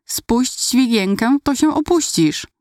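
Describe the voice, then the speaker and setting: A woman's voice: fairly high pitch, big pitch swings, measured pace, no room sound, clean studio sound, pitched above the performer's own voice. A woman voicing a worried mother calling up instructions to her stuck daughter. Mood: urgent.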